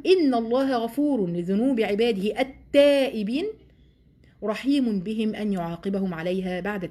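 A woman speaking with an Egyptian Arabic accent leads a religious lesson. Her speech is quick and her voice is mellow. She reads passages and then explains them with lively emphasis. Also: fairly high pitch, husky. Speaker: Quran teacher.

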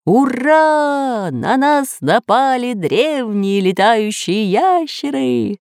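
A woman reading as an old, learned professor, lecturing with eager enthusiasm. Storybook voice, animated, in a dry, close room. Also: low voice, moderate pace, dry recording. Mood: elated.

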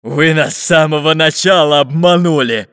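A man barking as a fat gruff pirate captain. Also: high-pitched, very animated, slow, bright, forceful tone, no room sound, clean studio sound, voice pushed up, heavily acted. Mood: angry.

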